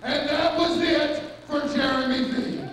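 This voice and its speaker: A man's voice: extremely high pitch, fairly even intonation, unhurried. A man cutting a menacing wrestling promo as a manager in the ring, declaiming grandly and drawing out his words. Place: indoor wrestling arena ring. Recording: echoey arena, distant mic, noisy.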